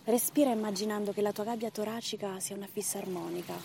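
A woman leading a guided breathing meditation as instructor, in short measured phrases and counts with pauses between them. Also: mid-range voice, fairly even intonation, creaky, mellow, slight background noise.

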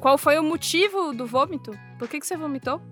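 Bright high-voiced chatty woman. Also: fairly quick, faint music behind. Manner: chatty, laughing, playful. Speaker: guesser in a truth-or-lie game. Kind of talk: casual chat.

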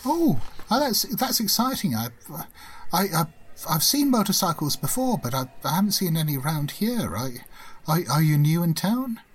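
A man's voice: on the high side, big pitch swings, normal speed, slightly rough, voice pushed up. A man voicing an eerie, cheerful middle-aged woman in a tabletop horror game, talking in an eager, stammering rush.

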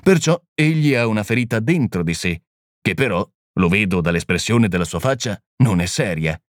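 A man's voice: fairly low pitch, animated, moderate pace, no echo, studio quality, close to an everyday voice. Man reading as a mild, patient little priest. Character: small gentle priest-detective, calm and patient. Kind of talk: audiobook reading.

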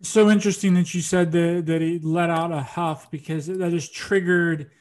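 Male podcast host, fairly high and monotone, casual and rambling. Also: normal speed. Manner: rambling storytelling, many fillers and restarts. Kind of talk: casual interview chat.

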